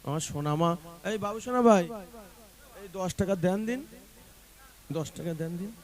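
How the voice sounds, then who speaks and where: High-voiced man coaxing a stage crowd. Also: animated, normal speed. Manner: coaxing and affectionate, calls out to the audience, breaks into song. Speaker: stage singer and announcer. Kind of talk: live stage banter mixed with devotional singing. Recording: echoey stage sound with music.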